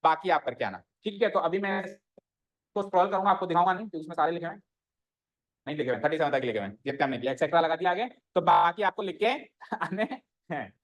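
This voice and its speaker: In a classroom maths lesson, a male teacher with an animated, fairly high voice talks fast, quizzing students and echoing their answers back. English maths terms are mixed into his speech.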